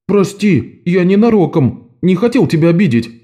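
A man's voice: high-pitched, very animated, normal speed, warm tone, pitched above the performer's own voice. A man voicing a ragged young thief who fusses and apologizes in an audiobook. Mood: apologetic. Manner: fussy, gushing apologies.

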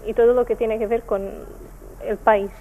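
A woman from Portugal with a Portuguese accent, speaking Spanish as a second language, answering interview questions with many pauses and fillers. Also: on the high side, flat delivery, narrow, tinny audio, slight background noise. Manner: hesitant, many fillers and restarts. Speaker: NGO representative.

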